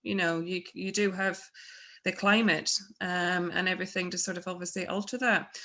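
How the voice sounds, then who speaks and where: A woman's voice: lowish voice, steady tone, moderate pace, bright, forceful tone. A woman from Ireland, moderating a webinar panel in a chatty, conversational way. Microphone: video call.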